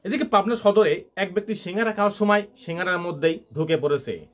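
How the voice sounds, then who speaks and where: A man's voice: high voice, quick pace, close to an everyday voice. A man playing a parody news anchor, reading absurd bulletins with mock seriousness. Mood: mock-serious.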